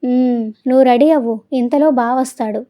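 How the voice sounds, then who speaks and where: A busy middle-aged mother talks briskly and practically, voiced by a woman narrator. Her tone is high and warm. This is a storybook phone chat. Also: lightly acted.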